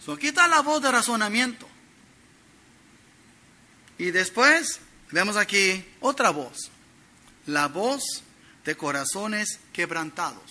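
A middle-aged man preaching an expository sermon, teaching earnestly and swinging between loud emphasis and soft, quiet drops. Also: sits high, lively intonation, slow, long pauses.

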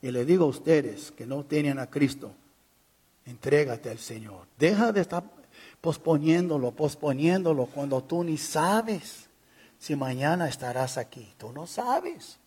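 A man with a slightly high, husky voice preaches to a church congregation. He drives his points with rising insistence, then sinks to hushed, grave warnings. His delivery is urgent and pleading. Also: a little slow. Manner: emphatic, swinging from raised insistence to low, quiet warnings. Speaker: pastor. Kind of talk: sermon.

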